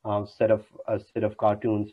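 A Nepali man in his thirties, a university lecturer, introduces an online panel from a room at home over a video call, using a wired earphone mic with dull lo-fi audio. His voice is fairly low, monotone, quick, and slightly rough. He speaks formally but with many fillers and restarts.

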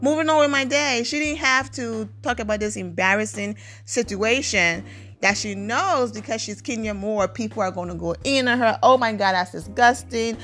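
A woman's voice: fairly high pitch, normal speed, fairly bright tone, soft background music. A woman vlogger giving casual, opinionated gossip commentary and reading viewer comments aloud.

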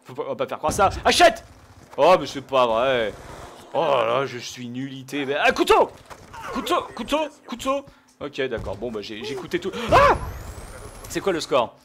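A man giving live, jokey gameplay commentary, shouting out his kills. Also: medium pitch, big pitch swings, moderate pace, slight background noise. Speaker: gaming video host.

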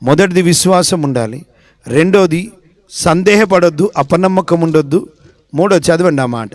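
A pastor with a Telugu accent and a voice on the high side preaches at a moderate pace, with no room sound. He is emphatic, repeats phrases, questions his listeners, and acts out short prayers and dialogues himself.

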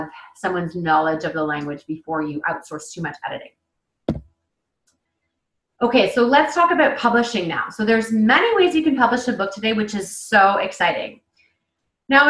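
Her mid-range voice has a fairly bright tone as this woman in her thirties, an author whose first language is English, runs a relaxed instructional webinar. The video-call webcam mic records her in an echoey room, and she chats loosely with frequent fillers and restarts.

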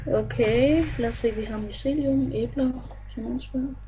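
A woman's voice: on the high side, steady tone, mellow, slight background noise, poor audio. Young woman calling out game directions. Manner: chatty, calls out directions. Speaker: gaming partner. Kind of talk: casual gaming chat.

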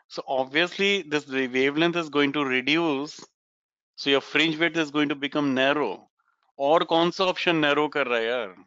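Bright, clear-voiced Indian male teacher. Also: fairly high pitch, dry recording, dull audio. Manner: encouraging, conversational, mixes Hindi into English. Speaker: physics teacher. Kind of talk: informal online lesson, explaining problems to students. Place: indoors, online class over webcam.

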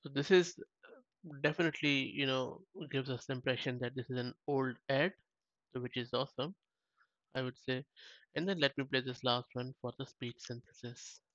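Walking through a software demo on a casual screen-share, this tech tutorial host keeps things chatty, thinking aloud and starting his sentences over. He speaks at an ordinary pitch and a moderate pace. The audio is dull and muffled, very dry, with no echo.

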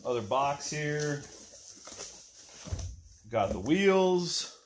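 Talking very slowly in a highish voice with big pitch swings, a man in his thirties unboxes and reviews a tool chest for a casual, unscripted vlog. He's relaxed and now and then mutters to himself as he works in an indoor workshop full of shelving and lumber. The phone camera starts at arm's length and moves a few feet away, and the recording has background noise, clicks and handling sounds.

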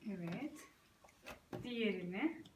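Her mid-range voice is animated but slow as she acts as a mother leading her young child through play, tossing out short encouraging prompts and speaking casually to viewers. The room sounds spacious, the mic is far off, and background noise comes through clearly.

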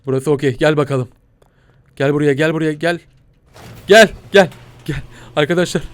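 A young man commentating a game he plays, panicking, shouting and laughing in mock fear. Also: a little high, moderate pace. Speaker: gaming YouTuber. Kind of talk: excitable gameplay commentary.

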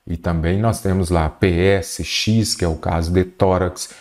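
Low-voiced man teaching grammar. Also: fairly even intonation, darkish tone. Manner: explanatory, asks and answers own questions; stretches key terms slowly for emphasis. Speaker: Portuguese teacher. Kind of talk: exam-prep grammar lesson.

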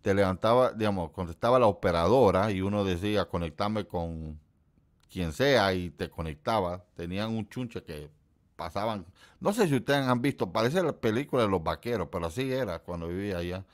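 A middle-aged man with a somewhat low voice talks casually to his livestream viewers. He rambles and teases the people in his chat. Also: animated, moderate pace. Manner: quotes people in a put-on high voice. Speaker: livestream host.

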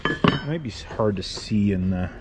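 Heavy background noise surrounds this man's lowish, expressive voice as he talks, unhurried, through a workshop repair. He's a welder who runs a channel, filmed in a cluttered garage, and he rambles, corrects himself and keeps his language plain.

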